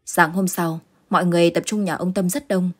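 A woman narrating a ghost story in a measured, suspenseful way. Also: fairly low pitch, fairly even intonation. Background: soft background music.

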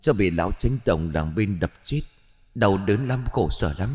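A man's voice: low voice, animated, moderate pace, darkish tone, faint music behind. Man reading as a terrified young ghost girl. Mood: pleading. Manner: pleading, tearful. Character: frightened twelve-year-old girl ghost servant.

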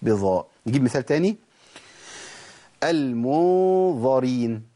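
A man with an Egyptian accent teaching tajweed, sounding out letters slowly and over again and asking the listeners questions. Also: on the high side, lively intonation, darkish tone, slightly rough. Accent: Egyptian Arabic. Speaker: Quran recitation teacher. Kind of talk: tajweed lesson in colloquial speech.

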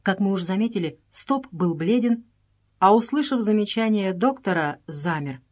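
A woman's voice: medium pitch, lively intonation, normal speed. Give me a woman narrating an audiobook steadily.

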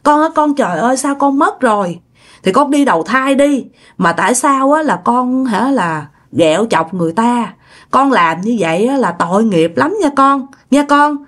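A woman's voice: fairly high pitch, expressive, moderate pace, a bit bright, pitched above the performer's own voice. A woman playing a tearful pleading mother. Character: grieving mother pleading with her dead daughter.

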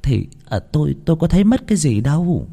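A man voicing a gentle, meek older wife who speaks softly and hesitantly in a ghost story. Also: a little high, very animated, creaky, voice pushed up, heavily acted. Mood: meek, soothing. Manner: soft, hesitant, halting. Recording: long hall reverb.

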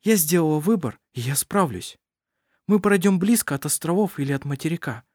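Brief: male reader playing a resolute young woman, soft and hushed, slightly raised pitch, dry booth. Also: lively intonation, fairly quick, no room sound. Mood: calm resolve. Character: young woman, calm, strong-willed daughter.

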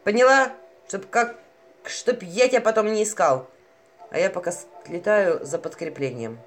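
A woman's voice: mid-range voice, moderate pace, soft background music, natural voice. A woman voicing a pompous ancient male vampire in bat form, bossy and huffing with strain.

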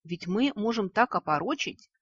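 A woman's voice: mid-range voice, lively intonation, moderate pace, breathy edge, dry recording, highs cut off, pitched above the performer's own voice. A woman reading a story, voicing a chubby, greedy male creature who bickers indignantly over money. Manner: indignant, squabbling.

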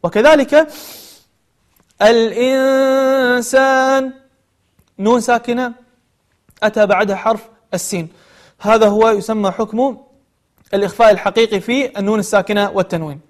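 A man teaching recitation, gently giving feedback and patiently explaining the rules while repeating examples. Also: sits high, fairly even intonation, quick pace, long pauses. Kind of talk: online recitation lesson.

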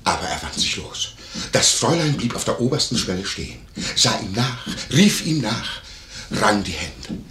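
An actor playing a fawning, gossipy innkeeper in a 1950s German radio play, talking in an eager, wheedling way. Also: male voice, on the low side, big pitch swings, moderate pace, a bit bright. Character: fawning, nosy male innkeeper, middle-aged. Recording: roomy, faintly noisy 1951 radio recording.

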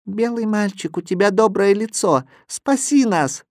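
A man's voice: high voice, expressive, measured pace, darkish tone, no room sound, clean studio sound, voice pushed up. A man reading an audiobook, voicing a small shivering boy who whimpers and begs for help. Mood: pleading. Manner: whimpering, begging. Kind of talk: audiobook character voice.

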